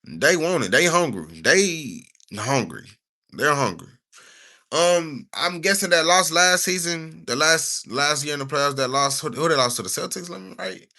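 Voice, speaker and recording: A man's voice: on the high side, expressive, unhurried, vocal fry, pushed and bright. A young man from the United States, talking casually on a livestream. He rambles in slang and sometimes reads stiffly from notes.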